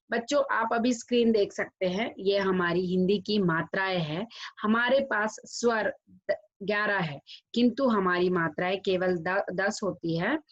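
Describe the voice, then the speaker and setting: A woman teacher giving a recorded lesson to children, drawing sounds out slowly and mixing English words into her speech. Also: medium pitch, highs cut off. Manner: slow, drawn-out pronunciation of sounds for children; mixes English words into Hindi. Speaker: school teacher.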